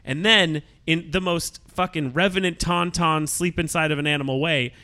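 A man with a somewhat high voice talks through a reality-show recap with a co-host. His delivery is loose and jokey, full of laughs, fillers and tangents. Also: fairly even intonation, normal speed, pushed and bright. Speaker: podcast co-host. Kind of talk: casual recap chat.

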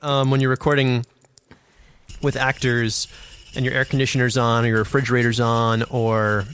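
Close to a condenser studio mic, a male podcast host and audio drama producer explains things in a relaxed, eager, self-mocking manner. His medium-pitched voice is clear, resonant and a bit bright, with little pitch movement and a normal pace.

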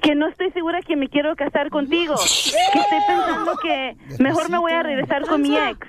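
A woman playing a fiancée calling off her wedding in a prank call, calm and insistent. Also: high voice, a little fast, very noisy. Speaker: prank caller.

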